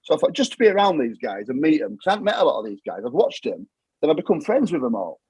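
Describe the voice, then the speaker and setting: Middle-aged Yorkshire man, husky voice, plain-spoken, repeats himself, dry close sound. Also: on the high side, big pitch swings, quick pace, a little mellow, no room sound, poor audio. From England. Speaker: guest. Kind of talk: casual storytelling.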